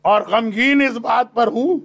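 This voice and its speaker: A man with a very high, ringing voice delivers an impassioned sermon. He tells the story dramatically and builds to loud, shouted peaks. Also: vocal fry, highs cut off. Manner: impassioned, rising to shouted climaxes. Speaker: preacher.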